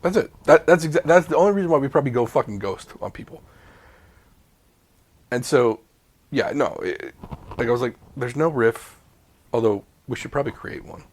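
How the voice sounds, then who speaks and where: A man in his mid-forties chatting on a podcast into a home mic. His voice sits at an ordinary middle pitch, and he talks in lively, rambling bursts. He swears casually and often backs up to restart a thought. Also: brisk, long pauses. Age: 40s. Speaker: podcast co-host. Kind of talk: casual chat. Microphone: home podcast mic with mute button.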